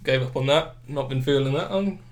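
This young British podcast host, a man with a mid-range voice, talks fairly quickly and casually about games. A head cold leaves him a little nasal and blocked up, and he rambles, restarts sentences, and acts out quotes.

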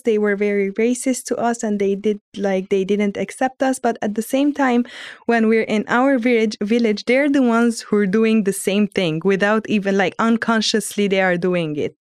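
A woman's voice: mid-range voice, a little mellow, clean tone, dry recording, clean studio sound. A young woman, earnestly telling her own story on a podcast, often restarting her phrases. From Lebanon. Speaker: student guest. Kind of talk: reflective personal podcast storytelling.

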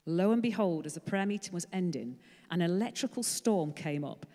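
A woman's voice: fairly low pitch, lively intonation, moderate pace. A woman giving an earnest, conversational sermon full of stories. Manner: earnest, conversational, dropping to soft emphasis. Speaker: preacher. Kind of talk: sermon with storytelling. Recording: long hall reverb.

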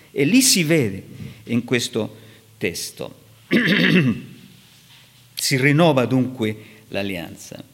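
A man preaching and teaching from scripture, animated and rising sharply in pitch for emphasis. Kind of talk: sermon. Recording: long hall reverb.

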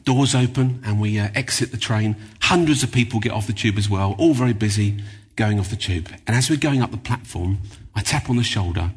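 A man's voice: on the low side, a little fast, slightly rough. A man giving a chatty, anecdotal sermon in a church, with many fillers. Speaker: guest preacher. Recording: reverberant church hall.

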